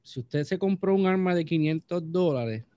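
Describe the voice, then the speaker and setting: A man's voice: sits high, expressive, normal speed, mellow, clear, resonant tone, no echo. A man on a podcast, explaining points in a firm, instructive way. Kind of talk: casual podcast chat.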